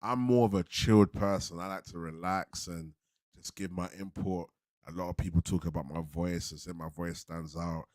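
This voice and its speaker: Deep-voiced London roadman, laid-back. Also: steady tone, normal speed, darkish tone, dry recording, clean studio sound. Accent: London roadman, multicultural urban slang. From London, England. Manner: laid-back, slangy, repeats himself, tag phrases. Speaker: football fan channel host. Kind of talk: casual livestream chat with viewers.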